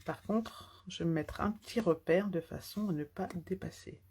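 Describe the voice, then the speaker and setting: A woman's voice: fairly low pitch, normal speed, dark tone, slight background noise. A woman from France chatting through a live card-making tutorial as she works with her hands, sometimes dropping to a near-whisper while she concentrates. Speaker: papercraft demonstrator.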